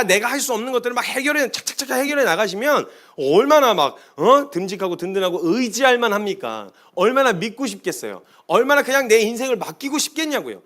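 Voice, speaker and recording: A man with a high voice gives a lively church sermon. His pitch swings widely as he jokes and acts out quoted lines. He talks in a playful way, not a stiff one. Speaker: missionary preacher.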